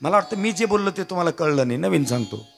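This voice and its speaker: A man with a Marathi accent preaches a devotional kirtan, his high-leaning, gravelly voice moving quickly with big pitch swings. He tells stories, jokes with the crowd, addresses listeners as maharaj, and calls out for them to answer back. Soft music plays in the background.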